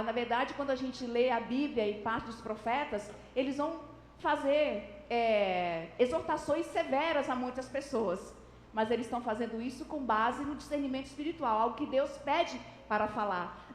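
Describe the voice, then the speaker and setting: A woman's voice: on the high side, a little hiss or hum. A woman preaching a sermon to a congregation, explaining scripture and acting out everyday examples with shifting intonation. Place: church hall. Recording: echoey church hall with long reverb.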